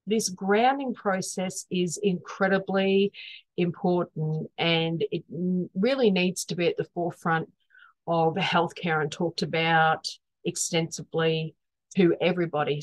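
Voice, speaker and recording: A woman giving an informal, explanatory wellness talk as a teacher, earnest and emphatic, often pausing to rephrase. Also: low-pitched, low-quality recording.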